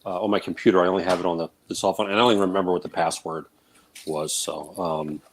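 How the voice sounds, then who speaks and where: A man's voice: low-pitched, steady tone, fast talker, slight background noise. A man calling in on his cell phone for a casual chat, his voice carrying a slight echo. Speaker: call-in guest.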